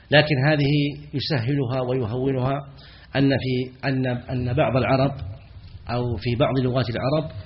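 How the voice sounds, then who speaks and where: Male sheikh giving a lesson, quizzing students then answering himself, drawn-out chanted examples, muffled old recording. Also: medium pitch. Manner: slowly chants the example phrases aloud. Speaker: sheikh teaching jurisprudence. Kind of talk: classroom lecture on errors in the call to prayer.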